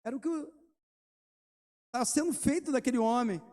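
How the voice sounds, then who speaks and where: High-voiced Rio-preaching pastor. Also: male voice, brisk, mellow. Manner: preaching with rhetorical questions and testimony stories. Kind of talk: sermon.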